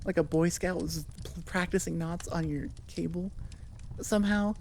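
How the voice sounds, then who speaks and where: This channel host speaks in a lowish, slightly mellow voice with fairly even intonation and a moderate pace. Recording into audio software from a computer mic, she gives a casual outro that rambles, drifts into tangents, and pokes fun at herself. Slight background noise is present.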